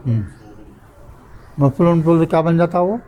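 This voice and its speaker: In a mosque, an older Indian man leads a grammar lecture, quizzing his students and breaking word patterns into syllables. His voice sits a little high, and the recording sounds muffled.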